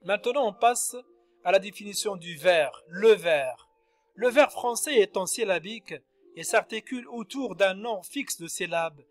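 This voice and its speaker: A man with a high voice lectures at an unhurried pace, walking through each example carefully. He spells out letters one by one as he explains. Faint music plays beneath the lesson. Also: animated. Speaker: French literature teacher. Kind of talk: slow spoken lecture on verse.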